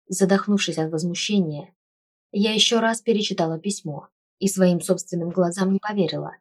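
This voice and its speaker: Brief: woman audiobook narrator, lowish voice, wry and expressive. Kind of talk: first-person audiobook narration.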